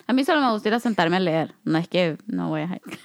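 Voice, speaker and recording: A woman's voice: on the low side, a little fast. Chatty Salvadoran woman, podcast co-host. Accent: Salvadoran Spanish. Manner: relaxed, chatty, frequent fillers and laughs. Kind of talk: casual chat.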